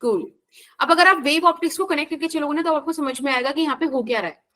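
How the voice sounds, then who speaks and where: A woman's voice: sits high, fast talker, bright, forceful tone. An Indian woman teaching a physics class, explaining patiently and checking in with students by name. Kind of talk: live online class.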